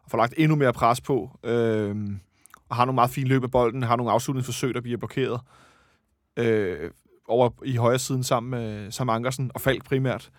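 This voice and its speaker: A man's voice: mid-range voice, fairly even intonation, dry recording, studio quality. A man hosting a casual fan chat about a football match, rambling and correcting himself as he goes. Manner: chatty, rambling, self-correcting. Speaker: football podcast host.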